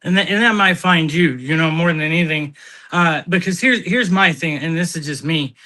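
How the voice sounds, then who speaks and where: A man's voice: a little high, normal speed. A man telling stories in casual chat on a live talk show, blunt and swearing freely. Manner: blunt, animated storyteller who swears.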